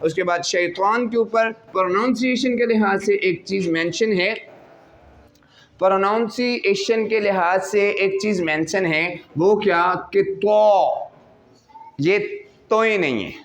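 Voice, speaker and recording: Pakistani urdu accent guy teaching recitation, kinda high voice, drags out the sounds, asks then answers himself. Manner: stretches out sounds slowly to model pronunciation, asks and answers his own questions. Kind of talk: classroom lesson on recitation.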